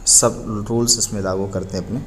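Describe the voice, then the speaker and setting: Patient male teacher spelling slowly. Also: on the low side, steady tone, a bit bright. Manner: spells words out slowly, letter by letter; patient, explanatory, asks and answers his own questions. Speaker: Quran reading teacher. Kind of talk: recorded lesson.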